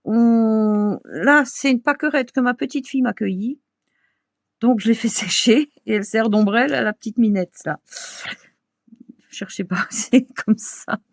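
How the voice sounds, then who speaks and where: A woman's voice: a little high, a little slow, no echo, clean studio sound. Chatty older woman with an Alsatian accent. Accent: Alsatian French. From Alsace, France. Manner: chatty, homely, many small fillers and soft laughs. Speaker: craft vlogger. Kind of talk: casual show-and-tell chat.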